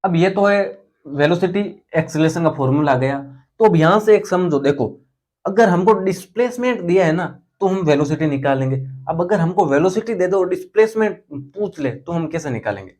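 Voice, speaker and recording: A man's voice: high-pitched, animated, brisk, darkish tone. A young man teaching physics in a casual, chatty lecture style, speaking terms and repeating key words for his students.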